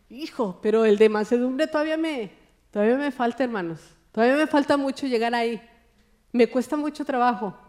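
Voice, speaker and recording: A woman preaches warmly and playfully, mixing jokes into her sermon. She keeps turning to her listeners as brothers and sisters and swings between soft asides and loud, rousing appeals. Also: high voice. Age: adult, married. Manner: jokey and animated, often calls listeners brother. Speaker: lay preacher.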